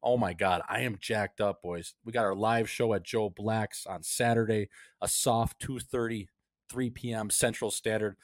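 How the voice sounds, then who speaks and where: A man's voice: on the low side, steady tone, normal speed, no echo, clean studio sound. A man hosting a casual sports podcast, talking like a hyped-up frat bro with slangy, profane banter. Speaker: podcast host.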